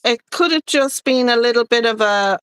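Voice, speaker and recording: A woman's voice: on the high side, moderate pace, a bit bright, a little hiss or hum. A woman co-hosting a crafting livestream, talking casually through each step as she works. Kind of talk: casual chat while crafting live.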